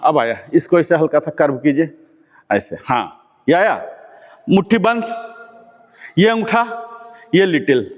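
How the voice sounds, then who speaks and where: A man's voice: sits high, big-room sound. A man leading a live brain-exercise class, patiently coaxing and repeating cues. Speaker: exercise instructor.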